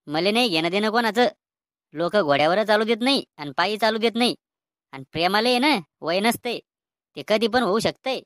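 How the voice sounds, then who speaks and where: Cartoon role: a woman playing a bossy old grandfather with a Vidarbha Marathi accent, defiant and gruff, mid-pitched, recorded dry. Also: expressive, normal speed, no room sound, close to an everyday voice. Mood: stubborn. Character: stubborn bossy old grandfather wanting to marry. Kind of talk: cartoon comedy voice acting.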